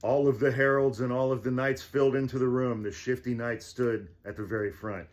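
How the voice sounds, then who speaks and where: A man reading a children's storybook aloud as fireside storytelling, theatrical and deliberate, with casual asides. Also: mid-range voice, steady tone, a little mellow. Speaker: storybook reader.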